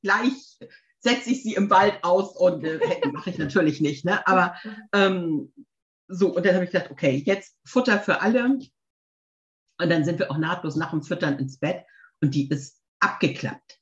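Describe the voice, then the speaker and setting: A woman chatting casually, telling lively anecdotes with many fillers and asides. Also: lowish voice, unhurried, echoey room, highs cut off. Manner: chatty, animated storytelling, frequent fillers. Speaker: podcast guest, dog owner. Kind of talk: casual conversation.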